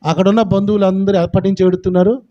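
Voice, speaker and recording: A man's voice: high voice, little pitch movement, very fast, dark tone, lo-fi sound. A male pastor preaching a fervent sermon, calling out to his congregation.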